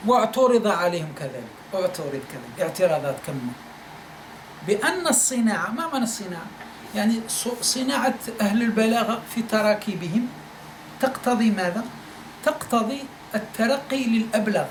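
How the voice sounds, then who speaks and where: Speaking quickly with lively intonation, a high-voiced man from Algeria teaches a classroom lecture in a study circle room. He goes over his points more than once and asks if everyone is keeping up. Echo fills the room, with a little noise underneath.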